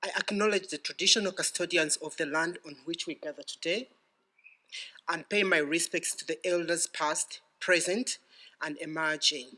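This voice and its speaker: Bright-voiced Ugandan man giving a podium speech. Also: a little high, fairly even intonation, rough recording. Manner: ceremonial, deliberate phrasing. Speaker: graduating PhD student giving vote of thanks.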